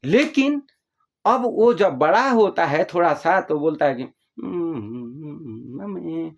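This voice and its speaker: A man's voice: high voice, very animated, unhurried. A man from northern India casually about spiritual questions, repeating himself and acting out small everyday dialogues as examples. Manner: repetitive, explains with homely examples, acts out little dialogues.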